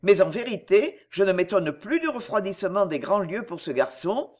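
A woman's voice: medium pitch, very animated, normal speed, a little mellow. A woman reading a storybook and voicing a young aristocratic man who gossips in a sly, mocking way. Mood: insinuating.

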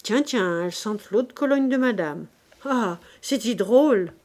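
A woman's voice: fairly high pitch, animated, normal speed, darkish tone, close to an everyday voice. A woman voicing a blunt, stubborn peasant servant woman who speaks her mind. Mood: insistent.

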